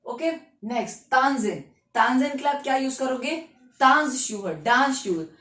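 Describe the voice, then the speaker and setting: A woman's voice: sits high, lively intonation, normal speed, a bit bright. A woman teaching German vocabulary in Hinglish in a classroom style, explaining patiently and quizzing the listener with repeated questions. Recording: echoey room, mic at a distance.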